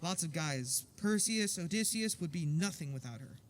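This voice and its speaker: A man's voice: on the high side, lively intonation, moderate pace, close to an everyday voice. A man playing a playful dad with a mid-Atlantic accent. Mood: fond. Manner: theatrical, declaiming, teasing. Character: playful professor father with grand manner. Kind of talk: staged concert reading of a musical.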